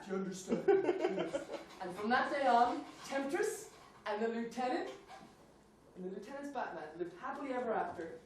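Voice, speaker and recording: A woman's voice: fairly high pitch, animated, moderate pace, darkish tone, natural voice. A woman playing a cheerful, bumbling young male soldier on stage, chatty and giggly. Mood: storytelling. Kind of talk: stage play acting. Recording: echoey stage recorded from far off, noisy.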